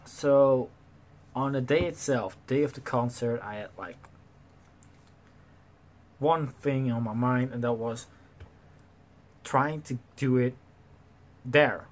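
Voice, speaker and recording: A young man in his twenties casually telling a story to his camera, animated and swearing freely, acting out the people in it, recorded in a small bedroom on a desk webcam. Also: mid-range voice, takes it slowly, pauses often. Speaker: vlogger. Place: small bedroom with slanted ceiling, indoors.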